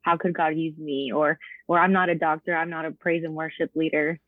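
A man's voice: on the high side, little pitch movement, fairly quick. A man hosting a podcast, asking questions and reflecting in an encouraging, casual way. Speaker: podcast host. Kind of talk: casual interview. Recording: dry, phone-like sound.

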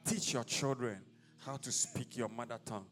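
A man with a Ghanaian accent, an apostle, preaches a sermon at a church service, declaiming in rising bursts before dropping into casual asides. His voice is medium-pitched and moves at a moderate pace.

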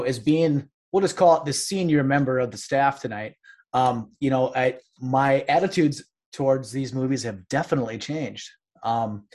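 A man with a northern Minnesota accent, talking reflectively and haltingly as a podcast guest. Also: mid-range voice, darkish tone. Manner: halting, repeats words as he gathers thoughts. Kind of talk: casual reflective discussion.

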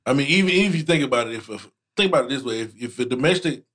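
A man talks quickly in a casual group chat, his pitch swinging widely. He tells stories animatedly and circles back on his own phrases. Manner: animated storytelling, repeats himself.

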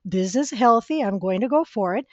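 Woman from costa rica telling her story on a podcast, earnest, kinda high voice, dull dry lo-fi sound. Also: expressive, normal speed, dry recording. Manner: earnest, reflective, personal. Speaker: podcast guest, spiritual mentor. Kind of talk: conversational interview storytelling.

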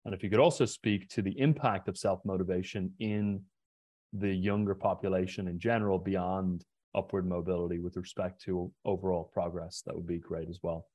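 A man's voice: low voice, steady tone, normal speed, dark tone, no room sound. A young Irish man hosting a podcast interview, reading his questions earnestly and sometimes stumbling over words. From Ireland. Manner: earnest, reads prepared questions, repeats words. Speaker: podcast host.

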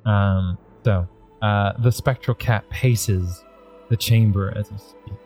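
A man's voice: on the low side, steady tone, slow pace, darkish tone, faint music behind. A man acting as game master, casually narrating a tabletop role-playing game and explaining its rules.

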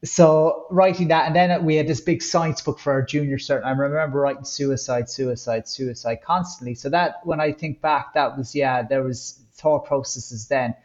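A man with a Kerry accent from the west of Ireland, telling personal stories as a podcast guest, haltingly and with words repeated for emphasis. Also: medium pitch, steady tone, a little mellow, muffled recording. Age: 30s or older. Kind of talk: candid personal storytelling in conversation.

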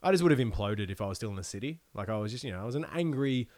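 A man with a Queensland Australian accent chatting casually and swearing freely as a podcast guest, with an animated, griping comic manner. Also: mid-range voice, very fast. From Queensland and Byron Bay, Australia. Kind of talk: casual opinionated chat, comic ranting.

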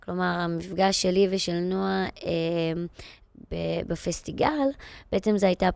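A woman's voice: lowish voice, creaky, darkish tone, smooth, no echo. A middle-aged woman, a guest on a podcast, talking casually with lots of fillers and restarts. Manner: slangy, many fillers and restarts.

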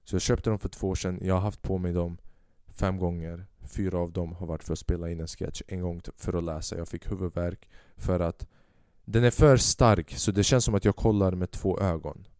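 A young man hosts his own podcast, spinning a loose, rambling comic story and acting out the voices of the people in it. His voice sits low and sounds dark and mellow. The recording is dry, with no room sound. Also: steady tone, few pauses, clean tone, no room sound. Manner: rambling storyteller, acts out quotes, swears casually. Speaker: podcast host. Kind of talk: casual comedic monologue.

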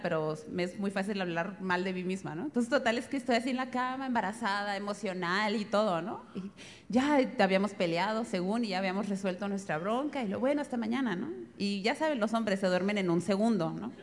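A woman's voice: mid-range voice, brisk. A woman with a northern Mexican accent giving a live talk on marriage, telling stories with a laugh. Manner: lively, laughing storytelling. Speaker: speaker on marriage, wife. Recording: reverberant hall, faint background noise.

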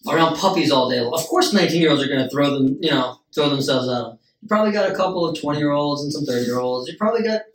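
A man's voice: on the high side, fast, few pauses, distant mic, slight background noise. A man hosting a podcast with crude, teasing banter. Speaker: podcast host. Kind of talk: casual podcast chat. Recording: roomy sound from off mic.

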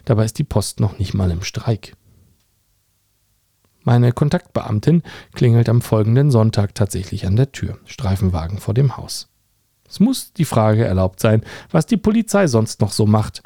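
A man's voice: on the low side, dark tone, no room sound. Dry, ironic young man narrating. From Germany. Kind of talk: scripted first-person narration.

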